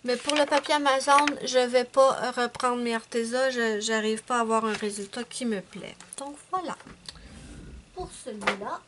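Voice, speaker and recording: A high-pitched woman with a Québécois accent talks in a loose, rambling way, often calling her viewers her friends. A clear, steady hiss of noise sits under the recording. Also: moderate pace. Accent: Quebec French. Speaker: adult coloring channel host. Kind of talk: casual show-and-tell chat.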